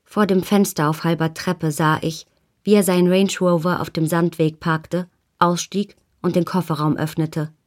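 A woman calmly narrating a novel in the first person as an audiobook reader. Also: fairly low pitch, moderate pace.

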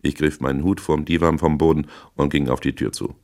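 A man with an extremely deep voice reads a hard-boiled crime novel in the first person. His telling is dry and measured, steady from line to line. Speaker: audiobook reader.

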